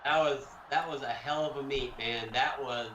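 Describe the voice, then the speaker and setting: A middle-aged man doing live gymnastics commentary with animated, joking banter. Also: mid-range voice, normal speed, highs cut off, a little hiss or hum. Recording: echoey room.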